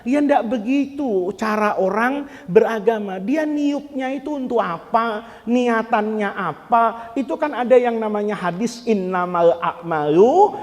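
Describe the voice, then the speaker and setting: A man preaching a lively, joking sermon in casual speech, swinging between soft and loud. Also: high-pitched, a little slow. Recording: long hall reverb.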